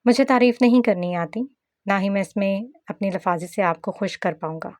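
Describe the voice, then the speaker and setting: A woman's voice: mid-range voice, normal speed, a little mellow, natural voice. A woman voicing a playful, devoted young husband in a read-aloud novel. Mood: teasing. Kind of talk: scripted novel narration with acted dialogue.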